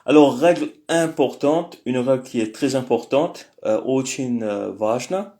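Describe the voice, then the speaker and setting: A man's voice: mid-range voice, a little slow, warm tone. A man giving a casual spoken language lesson, hesitant and thinking aloud with many fillers. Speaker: language teacher.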